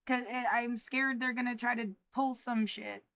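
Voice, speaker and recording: An anxious woman in her mid-thirties talks straight into her phone or webcam in a rambling livestream, stopping and restarting often. Her voice sits a little high. The sound is close and dry, with no room behind it. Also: steady tone, moderate pace, fairly bright tone, no room sound. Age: 30s. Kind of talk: livestreamed personal monologue.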